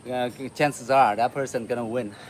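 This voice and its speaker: A man from Vietnam hosting a martial arts livestream, chatting casually with viewers while he warms up, with lots of uh fillers. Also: medium pitch, normal speed, a little hiss or hum. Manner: relaxed, chatty, many uh fillers, laughs often. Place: home in the city.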